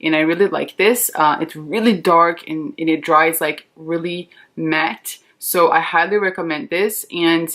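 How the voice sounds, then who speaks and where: A Brazilian woman in her thirties who speaks Portuguese gives a casual, chatty makeup tutorial, candid, reassuring and informal like a beauty vlogger. Her voice is low-pitched and a bit bright, at a measured pace with hardly any pauses.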